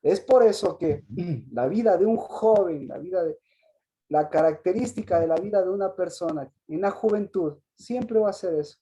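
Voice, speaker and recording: A woman giving a Sabbath Bible teaching, often asking her listeners questions, restarting phrases and clearing her throat. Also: lowish voice, lively intonation, moderate pace, warm tone.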